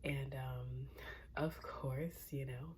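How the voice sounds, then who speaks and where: Speaking extremely slowly in a rumbling low voice with fairly even intonation, a young pregnant woman chats and rambles in her vlog against slight background noise. A bit short of breath, she laughs often and sometimes sinks to a near whisper.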